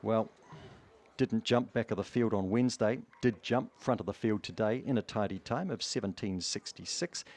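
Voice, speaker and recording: A man's voice: fairly low pitch, normal speed, darkish tone. A man with a broad New Zealand accent giving live greyhound race commentary in a clipped running call of positions.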